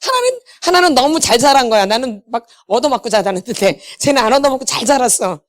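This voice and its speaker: A woman's voice: fairly high pitch, big pitch swings, fairly quick. A middle-aged woman lecturing at a church healing seminar, emphatic, quizzing her audience and slipping into blunt casual speech. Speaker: inner healing ministry lecturer. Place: church meeting hall.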